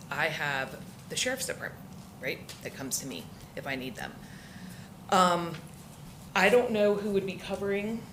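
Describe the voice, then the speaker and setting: A woman who grew up locally in Florida, speaking at public comment in a council meeting, emotional and halting with many restarts. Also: medium pitch, fairly bright tone, a little hiss or hum.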